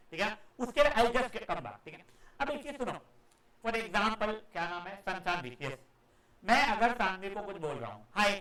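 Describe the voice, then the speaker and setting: A male teacher giving a live classroom lecture, acting out echoes for his students, calling them "beta" and now and then scolding them loudly. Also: high voice. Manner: demonstrative, acts out echoes and calls students "beta".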